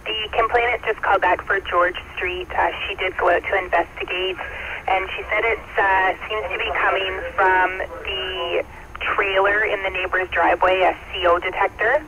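A man's voice: high-pitched, little pitch movement, normal speed. A man working as a fire dispatcher, heard over a two-way radio and giving calls in clipped, procedural radio phrasing. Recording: muffled radio audio with loud static.

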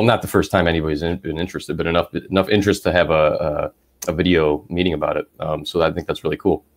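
Deep-voiced eager man on a video call. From Chicago. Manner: eager, halting restarts. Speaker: library author. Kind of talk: casual video call chat.

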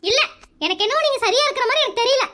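Woman nagging her husband, super high bright voice. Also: expressive. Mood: suspicious. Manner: nagging, suspicious, quick-witted. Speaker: comedy creator playing the wife. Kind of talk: comedy skit acting.

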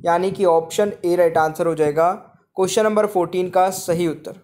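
High-voiced man reading quiz answers. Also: fairly even intonation, brisk, darkish tone. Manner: repeats each question, addresses viewers as friends. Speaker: quiz teacher. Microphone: voice-over on screen slides.

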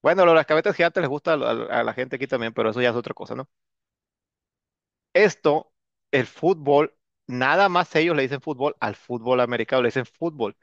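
A male English teacher with a Mexican Spanish accent, congested with a cold, giving a relaxed, chatty lesson with self-joking asides. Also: mid-range voice, fairly quick, vocal fry, no room sound, highs cut off. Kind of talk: casual classroom lesson.

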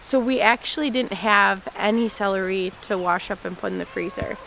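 A woman in her thirties chats casually for her homestead vlog outdoors in a rainy farm garden, recorded on a handheld camera mic with a bit of hiss or hum. Her voice is mid-range, and she's excitable, quick to laugh, and gasps at surprises.

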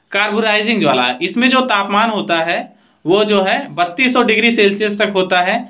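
A man's voice: sits high, sharp tone. A man teaching trade theory over slides, explaining steadily with frequent filler phrases. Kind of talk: slide lecture with annotations.

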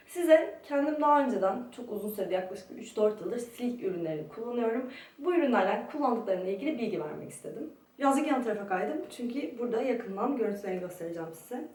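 A young woman reviews products casually, in the manner of a beauty vlogger. Her voice sits on the high side. The room echoes strongly, and she sounds a little far from the microphone. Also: a little mellow. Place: very echoey room in a friend's home.

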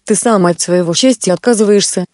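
A woman voicing a boastful, threatening male spirit from a bottle in a read-aloud fairy tale, with a mellow tone in a dry, close recording. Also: mid-range voice, brisk, no echo, natural voice. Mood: coaxing. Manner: threatening, later pleading.

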